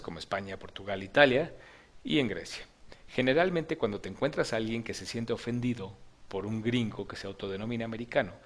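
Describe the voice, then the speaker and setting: A man narrating a scripted opinion video in a lecturing, argumentative manner. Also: on the low side.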